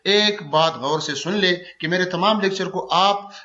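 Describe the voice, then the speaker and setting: A male teacher with a high, bright voice, teaching grammar at an unhurried pace. He says each example word several times over, patiently. The recording sounds dull and lo-fi.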